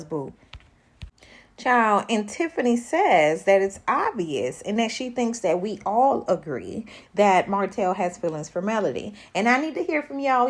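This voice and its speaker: A woman talks through a reality TV recap as if she were chatting with friends. She is sassy and loose with profanity, animated, and keeps calling out to her viewers. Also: mid-range voice. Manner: addresses viewers directly. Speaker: show recap vlogger.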